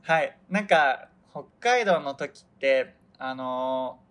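A man's voice: medium pitch, expressive, slow pace, a bit bright. A young man from Hokkaido, Japan, hosting his own radio show and chatting casually, rambling and often losing his thread. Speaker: podcast host. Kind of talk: casual solo radio chat.

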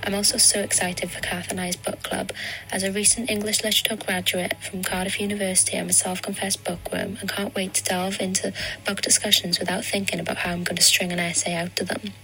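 A woman's voice: medium pitch, flat delivery, fairly quick, bright, forceful tone, poor audio. A woman in her early twenties with a Swansea Welsh accent, introducing herself as a podcast co-host in a scripted style. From Swansea, Wales. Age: early 20s.

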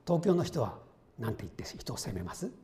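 A man's voice: medium pitch, brisk. A middle-aged man preaching a sermon as pastor, conversational and asking his listeners questions. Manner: lively, conversational, asks the congregation questions.

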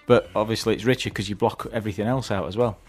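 A man's voice: on the low side, fairly even intonation, quick pace, faint music behind. Dry-witted male radio co-host. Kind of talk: casual radio chat.

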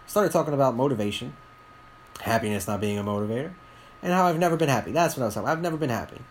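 A young man talks through a solo podcast monologue. His delivery is candid and rambling, full of halting restarts. His pitch sits in the ordinary middle range for a man. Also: expressive, slight background noise. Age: 20s. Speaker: podcast host.

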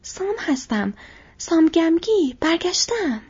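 A woman's voice: high-pitched, a little mellow, pitched above the performer's own voice, natural voice. A woman reading the part of a loyal, brave young male hobbit in an audiobook, in an earnest, eager voice. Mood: urgent. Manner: eager, raised urgent calls. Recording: dull lo-fi audio.

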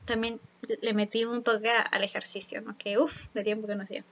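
A woman's voice: mid-range voice, level tone, fairly quick, a bit bright, dull audio. A young woman, chatting and laughing with friends over a video call. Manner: chatty, laughing, tells stories. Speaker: podcast co-host. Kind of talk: casual chat among friends.

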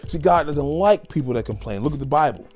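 A man's voice: fairly high pitch, expressive, fast talker, a little mellow, faint music behind. A man giving an informal sermon, emphatic and full of rhetorical questions. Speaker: lay preacher.

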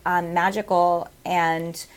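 A woman's voice: fairly low pitch, level tone, takes it slowly, smooth. A woman talking as a podcast guest in a casual, reflective way, feeling out her phrases thoughtfully. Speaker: podcast guest, astrologer and author.

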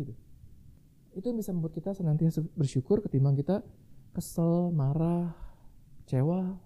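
A man's voice: high voice, mellow. A man preaching a sermon in a conversational way, often turning to his listeners as friends. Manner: conversational, addresses listeners as friends, tags lines with "gitu ya". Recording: tinny phone-like sound.

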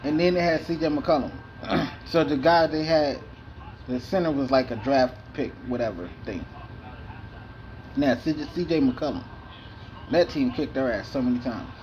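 A man's voice: medium pitch, moderate pace, long pauses, darkish tone, highs cut off, a little hiss or hum. A man talking through a basketball video game franchise in loose, profane, rambling chat. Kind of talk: casual gameplay commentary.

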